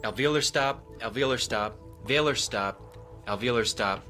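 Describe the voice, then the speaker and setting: Bright-voiced nerdy lab tech, precise, technical, over soft music. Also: male voice, medium pitch. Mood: explaining. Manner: fast technical explaining. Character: nerdy male police tech expert, precise. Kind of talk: audio drama acting.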